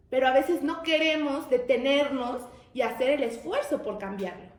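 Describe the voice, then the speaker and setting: A woman's voice: high-pitched, echoey room. A woman giving a conversational religious lesson, addressing her listeners as brothers and asking frequent rhetorical questions. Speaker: teacher of a religious study group.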